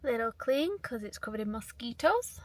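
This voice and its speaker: A woman's voice: a little high, sing-song, normal speed. A young woman from England giving offhand, lightly amused commentary during a travel vlog. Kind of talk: casual travel vlog chat. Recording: phone video with loud car and street noise.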